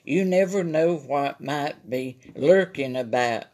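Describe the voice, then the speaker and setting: A woman's voice: sits low, slow pace, a little mellow. A woman with a Southern American accent voicing a sly, greedy, sweet-talking male wolf from a storybook. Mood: smooth, coaxing.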